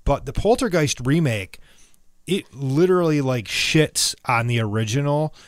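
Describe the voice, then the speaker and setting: A man's voice: medium pitch, animated, a little slow, dry recording. A man with an ordinary mid-range voice co-hosts a film podcast, rambling loosely through stories and chuckling along the way. The sound is dry and close to the mic. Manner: rambling, laughs at own stories. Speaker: podcast co-host. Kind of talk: casual film chat.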